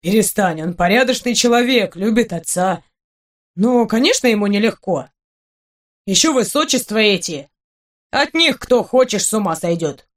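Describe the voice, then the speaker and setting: A woman voicing a blunt young male wizard companion in a spoken storybook, talking low and brusquely. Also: expressive, moderate pace, lightly acted. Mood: calm explaining.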